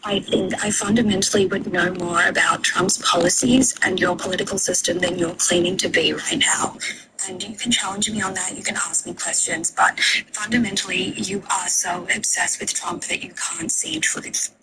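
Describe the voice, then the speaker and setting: A woman's voice: medium pitch, normal speed, over a noisy crowd, poor audio. A woman from Australia, calling in and arguing earnestly in a lecturing way. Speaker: caller. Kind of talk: live call-in argument.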